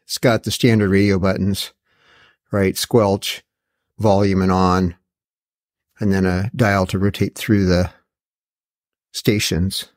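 A middle-aged or older man with a low voice talks in a level tone at a slow pace, leaving long pauses. As a video host in an indoor garage workshop, he gives a casual, matter-of-fact product walkthrough in a slightly wry, plain-spoken way.

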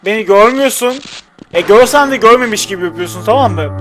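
A man's voice: high voice, animated, fast talker. A young man commentating his own gameplay, chatting and muttering to himself and at the game characters as he plays. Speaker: gaming channel host. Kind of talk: let's play commentary. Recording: game music underneath. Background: game music and sound effects.

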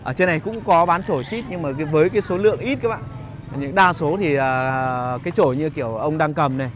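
A man with a slightly high voice narrates casually as he guides viewers around on foot. He speaks in hesitant phrases broken by frequent filler pauses. Clear street noise from an outdoor market surrounds his voice. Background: market bustle and vehicles.

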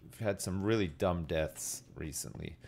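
A man's voice: low voice, measured pace, vocal fry, very noisy. A middle-aged man giving rambling, laid-back, sweary commentary as he streams a game and chats with viewers. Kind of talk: casual live gaming commentary, chatting with viewers. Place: indoors at a desk, streaming.

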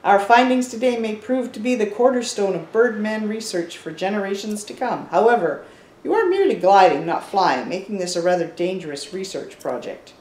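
A woman's voice: medium pitch, moderate pace, natural voice. Older woman reading as an eccentric bird-obsessed researcher. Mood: fussy. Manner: reads game dialogue aloud in a lively, theatrical way. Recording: roomy echo.

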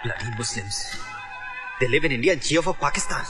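A man's voice: medium pitch, lively intonation, brisk, distant mic, loud music behind the voice, lightly acted. An actor playing a hateful, sneering man plotting violence. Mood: menacing. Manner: menacing, sneering. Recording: heavy film score underneath.

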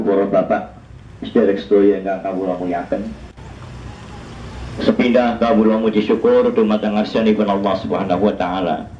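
Older man, Javanese accent, formal outdoor funeral sermon through a handheld mic and loudspeaker; echoey, lo-fi. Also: on the low side, a little hiss or hum. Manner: formal, measured, rising to emphatic. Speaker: preacher giving a funeral sermon. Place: outdoors at a street funeral gathering. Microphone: handheld mic over loudspeaker. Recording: echoey PA sound outdoors, dull lo-fi.

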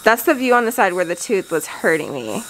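A woman's voice: medium pitch, sing-song, fairly quick, a little hiss or hum, poor audio. A woman in her thirties chatting casually and nervously to viewers on a handheld camera, candid and talkative. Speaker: family vlogger. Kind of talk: casual vlog chat to viewers. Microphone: handheld camera at arm's length.

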